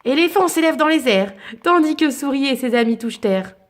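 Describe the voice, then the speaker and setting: A woman reading a children's picture book aloud to her child, with expressive, lilting storytelling and dramatic pauses. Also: high-pitched.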